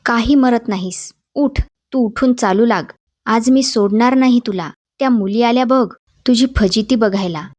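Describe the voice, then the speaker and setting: A woman's voice: on the high side, a little slow, darkish tone, no room sound. A woman voicing a stern village mother who scolds her son, in a storybook reading. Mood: scolding. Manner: firm, scolding. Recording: dull dry voice-over.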